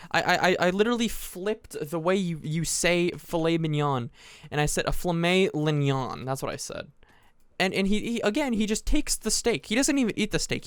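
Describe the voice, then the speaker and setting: Rambling teen boy with smooth dry voice. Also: on the high side, no echo. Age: teens. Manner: rambling, self-interrupting, frequent restarts. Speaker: gaming commentator. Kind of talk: casual storytelling over gameplay.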